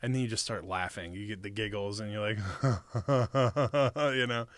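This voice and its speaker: A man's voice: on the low side, fairly even intonation, quick pace, fairly bright tone, no room sound. Rambling man telling stories in casual chat. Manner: rambling, profane slang. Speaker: interview guest.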